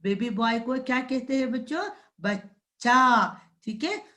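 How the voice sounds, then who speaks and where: A woman with a fairly high voice gives a slow, unhurried classroom lesson. She breaks words into single syllables and repeats them, and she keeps turning to the children to check they have understood. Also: fairly bright tone. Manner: drawn-out syllable-by-syllable pronunciation drills. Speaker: primary school Hindi teacher.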